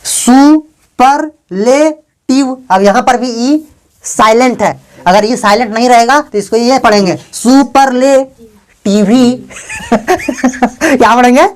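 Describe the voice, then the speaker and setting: A male English teacher giving a classroom lesson, often questioning his students, spelling letters out slowly and joking with them in a fatherly way. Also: very high voice. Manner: calls students "beta" in a fatherly way.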